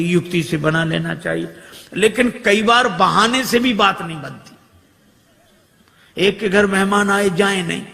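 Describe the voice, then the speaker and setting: An older man preaching a devotional story sermon, telling it lively and acting out the characters' lines. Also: a little high, vocal fry. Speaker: spiritual preacher. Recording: long hall reverb.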